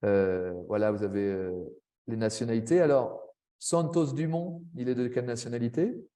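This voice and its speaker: A man giving a webinar presentation to language teachers, chatty, with frequent tag words and quick asides. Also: medium pitch, mellow. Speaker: French language teacher trainer.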